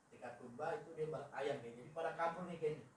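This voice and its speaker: A man from the audience puts a question to the cleric, talking fast and eagerly and closing nearly every phrase with a term of address. He sounds far from the mic, in an echoey room with faint background noise. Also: a little high. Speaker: audience member asking question.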